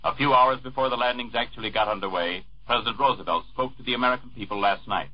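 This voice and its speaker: Heard through a muffled, dull 1940s radio recording with its top end cut away, a man reads news bulletins from the studio. His tone is formal and measured, and his medium-pitched voice comes across husky with a slight breathiness.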